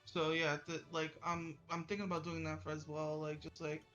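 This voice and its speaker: Man, slightly high voice, rambling casual talk full of filler. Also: completely flat delivery, brisk, pushed and bright, lo-fi sound, faint music behind. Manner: rambling, heavy use of "like". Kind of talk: casual chat.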